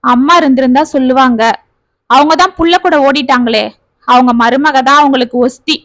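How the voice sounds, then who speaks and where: Woman reading as a headstrong young mom, high voice, dry close sound, proud and quick to push back. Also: steady tone, a bit bright, no room sound. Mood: anxious. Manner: defiant, anxious. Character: young mother, proud and stubborn.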